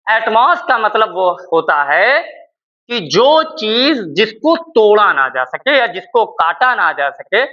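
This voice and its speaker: A man teaching chemistry with a lively, rising-and-falling voice, slowly dictating notes one word at a time. He keeps putting questions to the class and answering them himself, and the recording sounds a little muffled and lo-fi. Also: sits high. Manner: asks questions and answers them himself, repeating key words.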